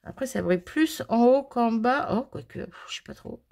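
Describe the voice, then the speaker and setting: A woman's voice: a little high, animated, normal speed, creaky, darkish tone. A woman chatting to viewers as she unboxes craft mail, bubbly and self-mocking, gushing over each item. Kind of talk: casual chat to viewers. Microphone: phone.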